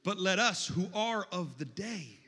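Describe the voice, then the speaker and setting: A man preaching a sermon in a church, moving between hushed scripture reading and shouted exhortation. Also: high voice, expressive, a little slow, breathy edge.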